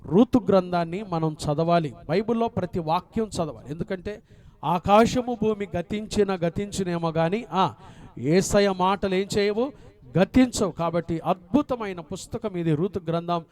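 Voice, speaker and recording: A man's voice: high-pitched, moderate pace, a little mellow. A male pastor preaching a sermon, telling a story with acted dialogue and asking the congregation questions.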